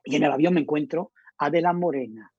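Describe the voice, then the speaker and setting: Husky middle-aged guy with a spain accent, telling a story and playing out the quotes, dull dry sound. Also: on the high side, a little fast, dry recording. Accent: Spain Spanish. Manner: animated storyteller acting out quoted dialogue. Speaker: radio journalist guest. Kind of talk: casual anecdote telling.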